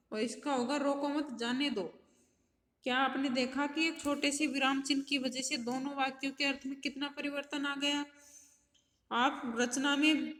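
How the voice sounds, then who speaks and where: A woman school teacher giving a patient lesson to children, explaining slowly and asking her pupils questions. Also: sits high, a bit bright. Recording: echoey room.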